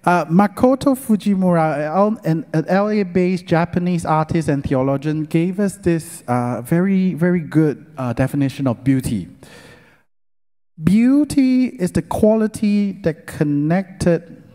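A man's voice: a little high, unhurried, dark tone. A middle-aged man gives a sermon-style talk at a church lecture concert, leading the audience in call-and-response and stretching out key words with earnest emphasis. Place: large worship hall. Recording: long hall reverb.

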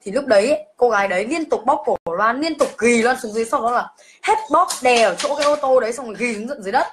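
A woman's voice: on the high side, racing. A young woman, emotionally telling her own ghost story on a live stream and calling herself by name. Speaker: livestreamer. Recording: faint background noise.

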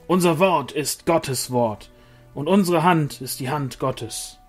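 Stern, commanding angel warrior, male, raised and forceful, put on by a male reader. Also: a little high, slow, breathy edge, faint music behind, pitched above the performer's own voice.

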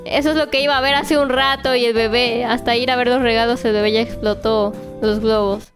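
A young woman narrating her doll play in a lively, exclamatory way, talking to the toys like a babysitter. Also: on the high side, fairly quick, over music. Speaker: toy play vlogger.

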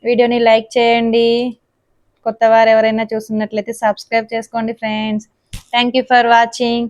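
A woman's voice: a little high, monotone, a little fast, no room sound, dull audio. A mother hosts a casual family vlog. She is chatty, leans on filler words, and coaxes and soothes her child. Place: home, indoors.

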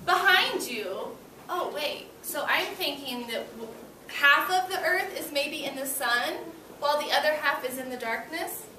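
A high-voiced young adult elementary school teacher gives an interactive read-aloud to young children seated on the classroom floor, speaking a little slowly. She's expressive and encouraging, phrasing things for little listeners. A far camera picks her up from across the room, so the sound is roomy and noisy.

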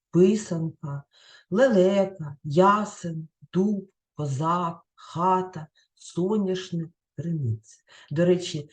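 A woman teaching a recorded lesson over slides, her pitch rising and falling a lot as she explains. She speaks in a clear, carefully enunciated way and reads lists out slowly, word by word. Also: darkish tone.

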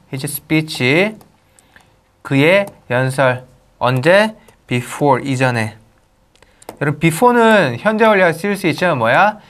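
A man's voice: fairly high pitch, fairly bright tone. Korean man teaching English grammar. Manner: rhetorical questions to students, bursts of emphasis; slow, careful reading of English example sentences. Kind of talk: online grammar lecture.

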